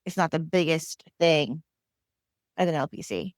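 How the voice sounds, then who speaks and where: Chatty woman host, lowish voice. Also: measured pace, no echo, studio quality. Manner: chatty, many "like" fillers. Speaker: podcast host and counselor. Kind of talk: casual interview conversation.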